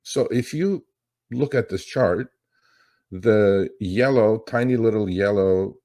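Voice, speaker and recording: A man's voice: on the low side, slow pace, warm tone. A middle-aged man hosting a finance show, talking casually and rambling, with many fillers and restarts. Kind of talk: casual market commentary.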